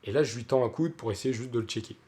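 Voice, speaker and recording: A man's voice: medium pitch, fast talker, warm tone. A young man, telling a story in a casual vlog, chatty, with many fillers and restarts. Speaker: vlogger.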